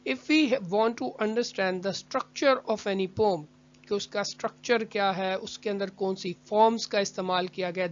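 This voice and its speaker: Unhurried poetry lecturer, patient and repetitive, muffled low-fi recording. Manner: reads English lines slowly, explains quickly in Hindi; careful, repetitive explaining with small restarts. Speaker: literature teacher. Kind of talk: classroom-style lecture. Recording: dull lo-fi audio.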